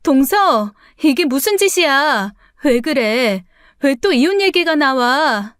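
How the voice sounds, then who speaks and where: A woman playing an anxious older sister-in-law in an audio drama, pleading urgently to calm things down. The voice sits high and rises further, dry and close to the mic. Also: takes it slowly, no room sound, full character voice.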